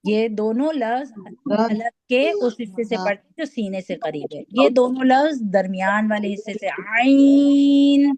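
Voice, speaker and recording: A woman teaching recitation over a video call, speaking patiently, demonstrating sounds slowly and checking that students follow. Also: on the high side, a little mellow, muffled recording. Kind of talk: online class lesson.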